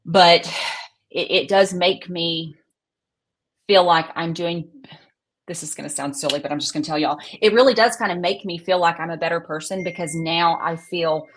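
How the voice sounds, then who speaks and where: A middle-aged woman speaks in a fairly low voice. She is an interview guest telling personal stories, folksy and frank, often halting and putting herself down. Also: fairly even intonation, slight background noise. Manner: folksy, candid, halting and self-deprecating. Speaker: interview guest, psychic medium and minister.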